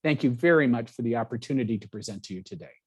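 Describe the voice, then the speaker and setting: A man giving a formal health presentation in a measured, clear way. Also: medium pitch, animated, a little mellow.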